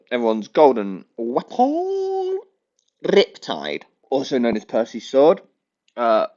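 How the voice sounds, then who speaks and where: In dull-sounding audio, a man with a mid-range voice and a blocked, sniffly nose hosts a podcast by himself. He rambles casually, clowning around and repeatedly correcting what he just said.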